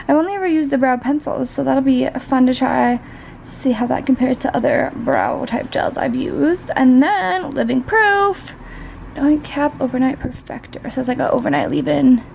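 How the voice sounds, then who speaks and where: A woman's voice: high-pitched, creaky, darkish tone, a little hiss or hum, rough recording. A young woman rambling through a casual vlog unboxing, chatty and full of "like". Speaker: beauty vlogger.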